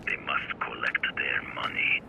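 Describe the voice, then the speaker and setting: An actor voicing a grave, commanding hunter and mentor in a video game, formal and measured, in a gravelly, breathy voice. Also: male voice, natural voice, poor audio. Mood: solemn, instructive. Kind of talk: dramatic video game voice acting. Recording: loud music under the voice.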